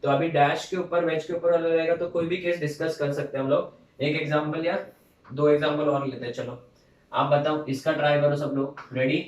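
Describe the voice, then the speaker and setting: A man lectures a chemistry class, coaxing his students along and teasing them playfully. His voice sits on the high side with a flat delivery at normal speed, recorded from a distance in an echoey room.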